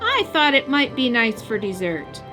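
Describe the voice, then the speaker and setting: A woman's voice: on the high side, sing-song, normal speed, over music. A woman voicing a jolly, sheepish father pig with a chuckling manner in a children's picture book.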